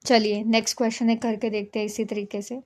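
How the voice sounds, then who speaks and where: A woman's voice: fairly high pitch, flat delivery, fast. A woman teaching an exam-prep reasoning lesson, explaining step by step and often checking in with "okay". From India. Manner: patient, repeats "ठीक है" to check understanding.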